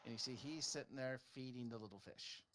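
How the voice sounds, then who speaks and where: A man's voice: mid-range voice, brisk, a bit bright. A man improvising narration as the game master of a tabletop role-playing game.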